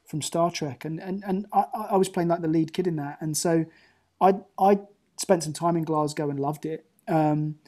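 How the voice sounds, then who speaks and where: A man's voice: a little high, steady tone, moderate pace, darkish tone. A man, an actor as interview guest, telling long anecdotes with lots of restarts over a remote call. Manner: rambling anecdotes with many restarts. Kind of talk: casual interview chat.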